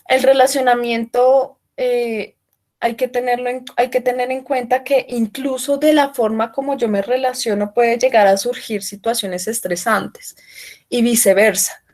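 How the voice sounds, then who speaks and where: A woman giving an online workshop, explaining loudly and often checking in with her listeners. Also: a little high. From Colombia. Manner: explanatory, asks frequent check-in questions; speaking loudly for remote listeners. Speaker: workshop trainer. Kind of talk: online training talk.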